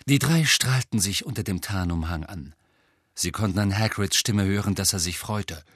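A man reading a novel aloud as an audiobook narrator, with expressive, measured storytelling. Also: sits low, husky, dry recording, studio quality.

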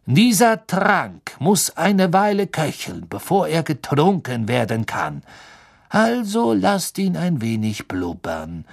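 Brief: a man playing a cold, mocking teacher with a slow drawl and a gravelly edge, lively pitch. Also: full character voice. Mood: cold command. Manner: slow, drawn-out, icy and mocking. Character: cold sneering male potions teacher, adult.

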